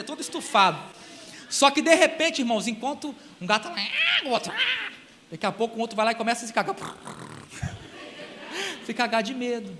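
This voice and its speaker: Man, Brazilian accent, sermon, very high voice, faint background ambience. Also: long reverb tail, slight background noise. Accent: Brazilian Portuguese. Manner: emphatic and animated, swings from shouting to quiet asides. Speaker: guest preacher. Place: large church hall.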